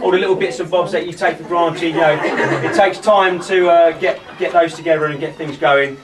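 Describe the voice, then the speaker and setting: A man giving an informal, halting wedding toast speech, often repeating himself as he addresses the guests. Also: a little high, fairly even intonation, a crowd in the background. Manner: rambling, halting, repeats phrases. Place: wedding reception, speaking to gathered guests. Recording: distant mic in a noisy room.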